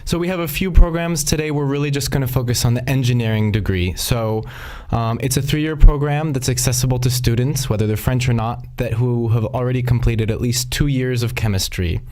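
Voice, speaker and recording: An American man who works with international students and teaches English, explaining programs in a relaxed, friendly way. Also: mid-range voice, fairly quick, hardly any pauses. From United States. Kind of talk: live online info session.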